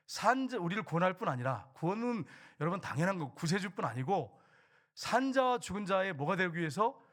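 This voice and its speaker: A middle-aged man preaching a sermon as pastor in a church, swinging from raised declarations to hushed low asides. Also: sing-song, brisk. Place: church sanctuary.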